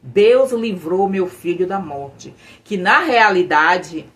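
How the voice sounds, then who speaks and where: A woman's voice: fairly low pitch, lively intonation, slow, fairly bright tone. A middle-aged woman telling a religious testimony in an earnest storytelling way, often repeating phrases and quoting her own prayers. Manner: earnest, repetitive retelling with quoted prayers. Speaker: testimony speaker.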